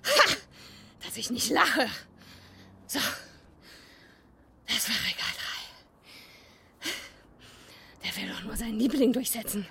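An actress playing an irritable woman muttering sarcastic rants to herself as she clears out a house. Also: a little high, animated, slow pace, pauses often, pushed and bright, slight background noise, heavily acted. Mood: grumbling. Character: irritable woman sorting an inherited house, grumbling.

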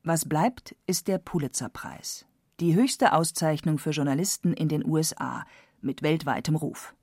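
A man narrating a radio documentary in a calm, scripted way. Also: fairly high pitch, moderate pace, vocal fry, no room sound, studio quality.

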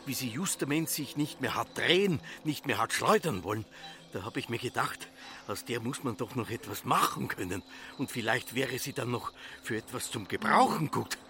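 A middle-aged actor with an Austrian accent plays an obsessed, embittered farmer father in a literary radio drama, his mid-range voice expressive, bright and pushed at a normal speed. He broods and incants, lost in rapt musing.

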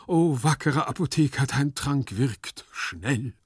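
A man voicing a hysterical, lovesick Italian marquis with shrill, theatrical wailing laments in a literary reading. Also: expressive, a little slow, breathy edge, no room sound, clean studio sound. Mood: despairing. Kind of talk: literary reading with acted voices.

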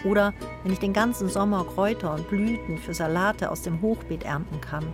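Woman, mid-pitched voice, reflective personal narration, music playing underneath. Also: a little fast. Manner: thoughtful, introspective. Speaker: writer narrating her own feature.

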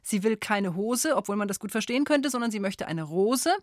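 A woman's voice: medium pitch, expressive, fairly quick, a little mellow, no echo, studio quality. A woman hosting a children's call-in quiz on the radio, friendly and encouraging with young callers. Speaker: radio show host.

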